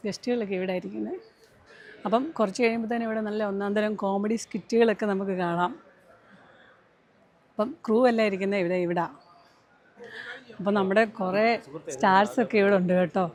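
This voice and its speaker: A woman's voice: medium pitch, darkish tone. Chatty middle-aged woman vlogging. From Kerala, India. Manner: chatty, explains as she walks around. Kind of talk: casual vlog narration. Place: TV studio and makeup rooms.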